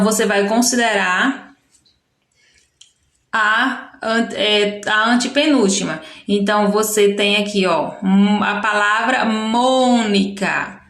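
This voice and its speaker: This Brazilian teacher's mid-range, slightly bright voice is reverberant as she records a remote lesson, guiding young primary pupils through a textbook. Her Brazilian Portuguese accent is clear, and she explains slowly and patiently, correcting herself often.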